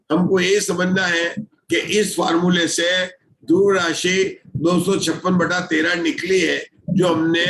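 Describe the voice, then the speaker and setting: A man's voice: sits high, fairly bright tone, roomy sound, slight background noise, rough recording. A man teaching an online scripture class, patiently explaining formulas step by step and checking often that everyone follows.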